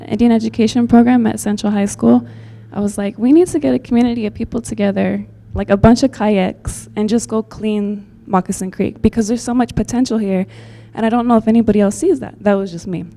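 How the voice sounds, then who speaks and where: A woman's voice: a little high, fairly even intonation, brisk, vocal fry, dark tone. A woman from Texas giving an earnest, rambling public comment at a community meeting, with many fillers. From Texas, USA.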